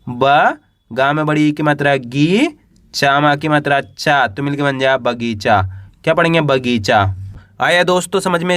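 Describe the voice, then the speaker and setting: A man teaching Hindi reading, spelling out each word slowly and patiently, asking the viewer and then repeating the answer. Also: a little high, fairly bright tone, no room sound, studio quality. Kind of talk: slow spelled-out reading lesson.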